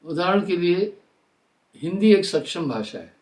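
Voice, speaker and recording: An older man giving a live spiritual discourse in a deliberate, explanatory way, slowing down to spell out sounds. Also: sits high, expressive, a little mellow, recorded from a distance. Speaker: spiritual teacher.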